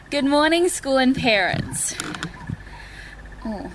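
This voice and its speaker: A high-voiced woman in her late teens delivers a farewell speech as a graduating student, her words slow and unhurried. She is tearful and keeps breaking into laughter mid-sentence, sentimental about her friends. Faint noise sits behind her. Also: lively intonation. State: tearful, laughing through tears. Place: school hall with audience.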